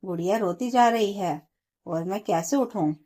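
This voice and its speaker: A woman's voice: mid-range voice, measured pace, mellow, natural voice. A woman storyteller voicing a young, worn-out new mother who pleads with her in-laws. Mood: pleading. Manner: pleading, weary.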